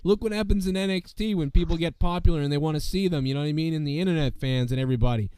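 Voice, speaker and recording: This podcast host races through rambling, profane show commentary in a high-leaning, dark, smooth voice, with no room sound. He is sick and losing his voice, and "you know what I mean" keeps popping up.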